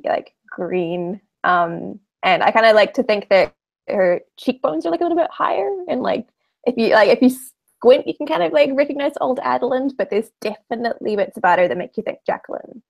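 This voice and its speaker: A woman playing a tabletop roleplaying game, narrating casually and haltingly as she thinks aloud. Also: mid-range voice, expressive, vocal fry.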